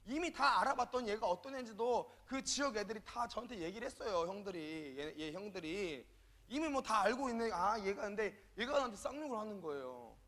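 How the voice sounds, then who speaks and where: A man preaching as a youth minister, telling a story with lively acted-out dialogue that swings between soft asides and loud bursts. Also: sits high, brisk. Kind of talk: storytelling sermon.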